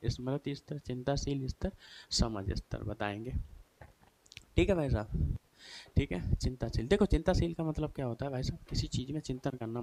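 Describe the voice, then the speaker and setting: A man's voice: medium pitch, mellow, slight background noise. A male teacher giving a chatty exam-prep lesson, asking and answering his own questions and checking in with his students over and over. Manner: chatty, repeats "theek hai" and "bhai sahab" often.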